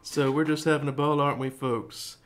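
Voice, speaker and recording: Streaming live in front of a green screen indoors, a singer-pianist in his thirties performs with piano before chatting with viewers in a rambling, easy-laughing way. His voice is a little high with a level tone, and he talks a bit fast. A studio mic with a pop filter picks him up over the piano music.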